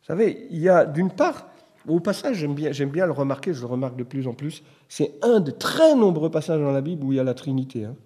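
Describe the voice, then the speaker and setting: A man's voice: on the high side, lively intonation, brisk, mellow, breathy edge. A middle-aged man preaching a sermon in a conversational way, telling personal stories and rising to emphatic bursts. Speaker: pastor.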